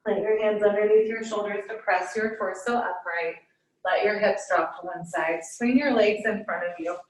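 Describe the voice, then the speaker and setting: A woman yoga teacher guiding a class in a soothing, unhurried manner, with gently inviting cues and pauses between them. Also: medium pitch, steady tone. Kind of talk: guided hatha yoga instruction. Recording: echoey room, distant microphone.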